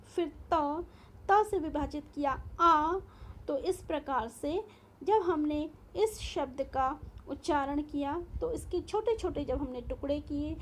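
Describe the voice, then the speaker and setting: A woman's voice: high voice, a little hiss or hum. A woman teacher giving a recorded school lesson, explaining carefully and spelling out sounds one by one.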